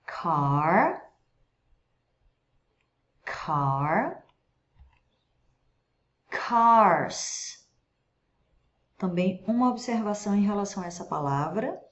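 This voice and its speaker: A woman teaching English pronunciation, saying each word slowly and repeating it for the learner to copy. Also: medium pitch, fairly bright tone. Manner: slow, deliberate, repeats words for the learner to copy. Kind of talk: pronunciation lesson.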